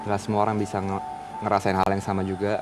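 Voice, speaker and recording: A man's voice: deep voice, monotone, fast talker, over music, poor audio. Reflective man. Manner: reflective, hesitant with many fillers. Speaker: guest. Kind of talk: casual interview.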